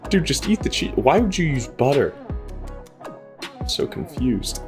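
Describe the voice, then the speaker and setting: This man's medium-pitched voice swings widely in pitch at an unhurried pace as he hosts a casual let's play. He narrates visual novel text and breaks off for joking, self-interrupting asides, with game music playing behind him.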